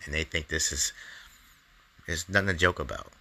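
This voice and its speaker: Low voiced guy going off on a heated rant, sharp forceful tone, lots of swearing. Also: big pitch swings, moderate pace, vocal fry. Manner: heated, ranting, profane. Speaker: comedian podcast host. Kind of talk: angry opinion monologue.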